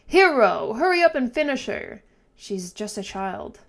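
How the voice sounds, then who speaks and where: A woman's voice: medium pitch, little pitch movement, slow, creaky. A woman voicing a grieving, furious village mother from a manga, urgent and pleading. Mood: furious, anguished.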